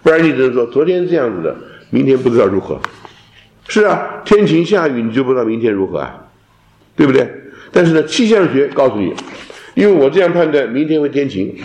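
A man teaching a theology class, lecturing in an animated way and dropping in English terms. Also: medium pitch, fairly quick. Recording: roomy echo.

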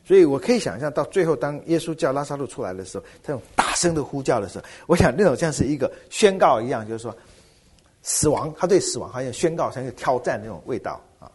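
A middle-aged man, a pastor, preaching a sermon with animated rhetorical questions. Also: medium pitch, fast talker, husky.

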